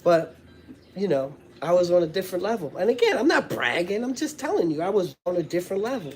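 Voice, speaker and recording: A man's voice: high-pitched, sing-song, quick pace, slight background noise. A man hosting a casual live stream, rambling in street slang with constant filler phrases and swearing. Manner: rambling street talk with frequent "you know what I'm saying" and swearing. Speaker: live-stream host, former prisoner. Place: indoors at home.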